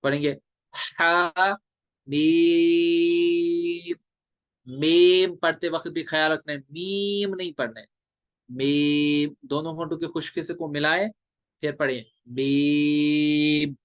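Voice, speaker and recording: A male teacher explaining recitation rules step by step, drawing out letters in slow chanted examples. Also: a little high, a bit bright, no room sound. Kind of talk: classroom lecture on recitation rules.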